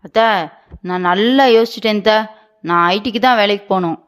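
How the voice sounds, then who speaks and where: A woman's voice: mid-range voice, brisk, clean tone, close to an everyday voice. A woman voicing a naive, stubborn young wife with big dreams in a cartoon comedy. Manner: stubborn, boastful, childlike.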